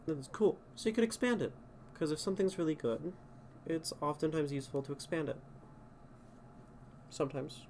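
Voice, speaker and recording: A man's somewhat high yet darkish voice, at normal speed and with a little hiss or hum, comes from a home streaming setup. He's casually critiquing a poem live, rereading lines and reworking them as he thinks aloud.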